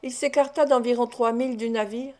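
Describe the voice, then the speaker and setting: Mellow-voiced woman reading an audiobook. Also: a little high. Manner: steady, measured reading. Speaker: narrator. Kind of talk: audiobook reading of a classic novel.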